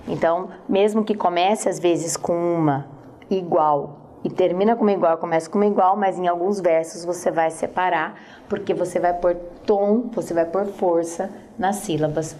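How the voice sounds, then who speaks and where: A woman's voice: on the low side, mellow. A woman teacher explaining poetry scansion in a recorded lesson, speaking straight to the student and often checking in with short tag questions.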